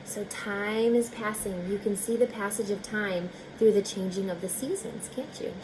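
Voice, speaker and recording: Here a woman teacher at medium pitch reads a picture book expressively over background noise. Her delivery is slow and deliberate, and she speaks straight to the children with chatty little asides.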